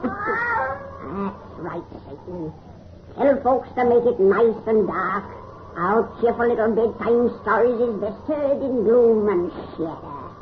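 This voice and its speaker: A woman's voice: fairly high pitch, narrow, tinny audio. Cackling ancient witch, old noisy radio. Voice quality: cracked, cackling old crone voice. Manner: folksy rustic speech, gleefully macabre. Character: cackling 117-year-old witch, gleefully sinister storyteller. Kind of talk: 1930s radio horror hosting.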